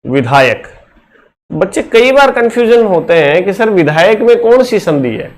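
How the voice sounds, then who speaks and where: A man's voice: sits high, very animated, normal speed. A male teacher giving a classroom lecture, explaining step by step and asking his students question after question.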